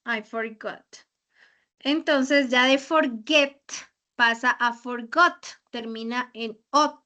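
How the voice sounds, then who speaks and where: A woman's voice: on the high side, takes it slowly, sharp tone. A woman teaching English grammar in an online class, explaining patiently with many repeated examples. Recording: slightly dull lo-fi audio.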